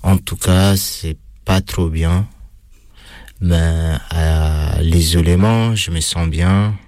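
A man speaking French with a non-native accent, giving a halting personal account as an interviewee, full of hesitations and restarts. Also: low voice, fairly even intonation, a little mellow, dry recording, studio quality. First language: not French. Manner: hesitant, many fillers and restarts.

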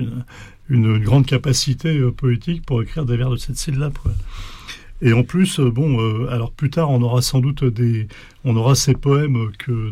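Guy rambling on with lots of uh and hein, mellow darkish voice, dry sound. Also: mid-range voice, no echo. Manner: rambling, many fillers and restarts; recites a poem in Esperanto in a rising, sing-song lilt. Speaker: guest explaining medieval poetry. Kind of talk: casual chat.

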